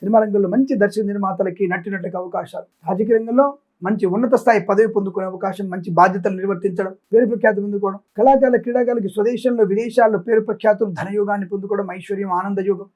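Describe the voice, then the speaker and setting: A man's voice: high voice, fairly even intonation, racing, dull audio. A man giving weekly horoscope predictions as an astrologer. He rattles off long lists of blessings and breaks into preachy, sarcastic asides. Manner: preachy, moralizing.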